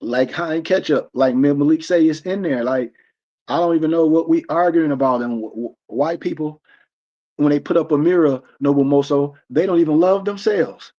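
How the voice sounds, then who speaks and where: An American man in his forties hosts an online stream, lecturing in a casual preaching style that is emphatic and rambling, full of restarts. His voice is a little high at a normal speed, and the highs are cut off.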